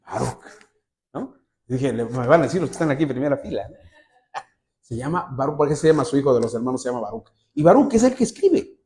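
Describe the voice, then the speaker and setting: Animated, mellow-voiced male preacher. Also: on the high side. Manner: lively storytelling, addresses the congregation directly. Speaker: pastor. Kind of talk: sermon with Bible reading. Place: church in front of a congregation.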